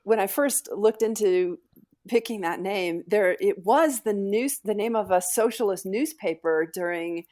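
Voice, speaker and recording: A woman's voice: mid-range voice, a little slow, warm tone. A woman, a company founder, talking energetically as a guest on an interview podcast and often restarting her sentences. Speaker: guest, founder and CEO of a financial firm.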